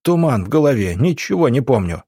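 A man voicing a frightened, whiny wounded patient who pleads in a strained, high voice for an audiobook. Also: big pitch swings, brisk, dark tone, breathy edge, no echo, studio quality. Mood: pleading.

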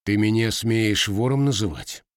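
A man reading a young man who issues low, hissing threats. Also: unhurried, no echo, clean studio sound, close to an everyday voice. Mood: menacing.

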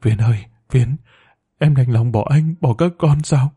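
A man's voice: medium pitch, measured pace, mellow, husky. A man voicing a grieving middle-aged husband, anguished and pleading in an audiobook story. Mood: grief-stricken.

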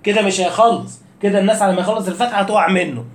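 Casting: Egyptian Arabic-accented male recitation teacher, high voice, echoey room, chatty rhetorical questions. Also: fairly even intonation, very fast. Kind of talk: casual spoken lesson.

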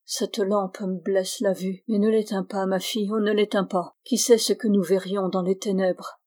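A woman's voice: mid-range voice, steady tone, normal speed, dark tone, lightly acted. A woman reading the part of a feverish, frightened young noblewoman who talks in an anxious, pleading way.

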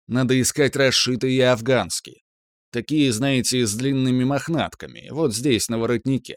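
A man's voice: medium pitch, moderate pace, no echo, clean studio sound, close to an everyday voice. A man reading an audiobook, voicing an authoritative middle-aged woman explaining things. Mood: instructive.

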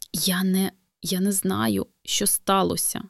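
Whispered role-play of a scared teenage girl, as a woman puts her on. The hoarse whisper comes slowly and gravelly, dry and close, with faint music behind. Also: medium pitch, level tone, a bit bright, no echo, exaggerated voice. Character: frightened hurt teenage girl, shaky.

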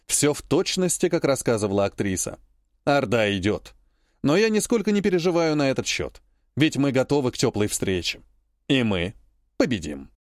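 A man giving scripted, expressive narration of an audiobook. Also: mid-range voice, moderate pace, no room sound, clean studio sound.

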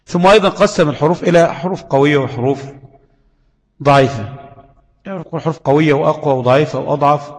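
A man's voice: fairly high pitch, quick pace, in a large hall, rough recording. A man with an Egyptian accent teaching tajweed, explaining letters and checking understanding with rhetorical questions. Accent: Egyptian Arabic. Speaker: Quran recitation teacher. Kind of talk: tajweed lesson.

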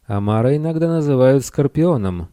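A man's voice: medium pitch, expressive, normal speed, warm tone, no echo, clean studio sound, pitched above the performer's own voice, close to an everyday voice. A man putting on a melodious princess. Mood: grave. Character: melodious young princess, grave warner.

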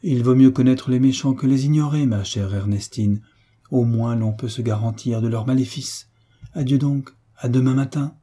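A syrupy, sighing devout woman who schemes behind her piety, read by a man. Her voice stays dark and warm, with a husky edge, and her tone is soft and unctuous. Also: mid-range voice, moderate pace, pitched above the performer's own voice, natural voice. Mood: sanctimonious. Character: sweetly scheming pious older woman.

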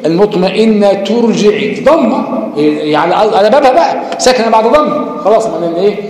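A man with an Egyptian accent gives a recitation lesson, his fairly high voice carrying through a reverberant hall. He works through each rule, pausing on rhetorical questions and intoning short verses as examples. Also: sing-song, a little mellow. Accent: Egyptian Arabic. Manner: explains step by step, asks rhetorical questions, chants Quranic examples. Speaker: Quran recitation teacher. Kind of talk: lecture on tajweed rules.

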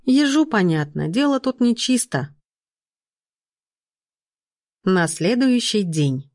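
A woman reading a first-person fantasy novel aloud, lively, lifting her voice for the characters. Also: mid-range voice, a little slow, dry recording, studio quality. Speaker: audiobook narrator.

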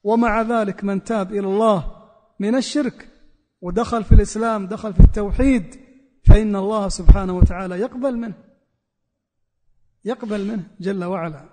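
High-voiced man preaching in a hall. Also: fairly even intonation, a little fast, long pauses, darkish tone. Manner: repeats key phrases for emphasis. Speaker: Islamic preacher. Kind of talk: sermon.

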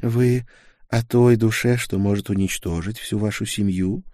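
A man's voice: fairly low pitch, fairly even intonation, measured pace, warm tone, dry recording, clean studio sound, close to an everyday voice. A man reading an audiobook, voicing a proud young witch with a silky, mockingly polite and scornful manner. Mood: scornful politeness. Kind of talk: audiobook character voice.

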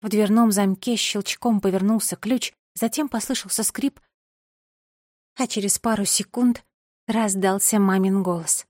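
A woman narrating a children's audiobook in the first person, with lively storytelling. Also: mid-range voice, unhurried, no room sound, studio quality.

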